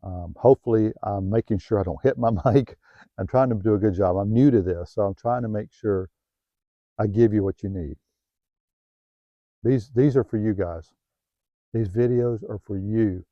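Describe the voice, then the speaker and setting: A middle-aged man with a Southern US accent gives heartfelt self-help advice, often restarting his phrases and growing quieter when he gets personal. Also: fairly low pitch, normal speed, long pauses, no echo, muffled recording. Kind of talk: earnest motivational talk to camera. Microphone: new home-video mic, dull sound.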